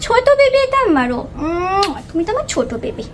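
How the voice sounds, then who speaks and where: A woman's voice: very high voice, sing-song, fairly quick. A woman from West Bengal vlogging about her toddler in a home courtyard, chatting fondly and slipping into baby talk, on a lapel mic. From West Bengal, India. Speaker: vlogger, mother. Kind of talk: casual vlog narration. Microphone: wireless lapel mic.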